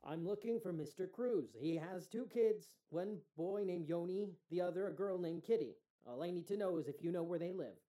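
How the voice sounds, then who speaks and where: A man's voice: high-pitched, normal speed, hardly any pauses, dark tone, natural voice. An actor playing a threatening man at a door, coldly polite and menacing. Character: threatening male official at a door.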